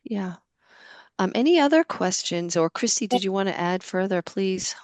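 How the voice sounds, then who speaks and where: A woman co-presenting a webinar over a video call, explaining things earnestly with soft fillers. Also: medium pitch, expressive, moderate pace, dry recording. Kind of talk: informative webinar talk.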